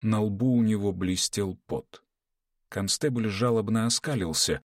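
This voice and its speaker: A man with a lowish voice reads an audiobook in a measured, dramatic manner. The sound is dry and close, with no room around it. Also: no room sound. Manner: measured, dramatic reading, voices characters in dialogue. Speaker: audiobook narrator. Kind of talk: scripted narration with character voices.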